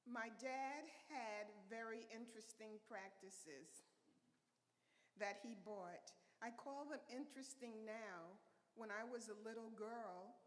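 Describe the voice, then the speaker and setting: A woman from Honduras speaks slowly and reflectively as she shares stories with a church congregation. Her voice sits at a middle pitch and carries a long reverb from the hall. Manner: reflective, storytelling, unhurried. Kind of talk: personal talk to a congregation.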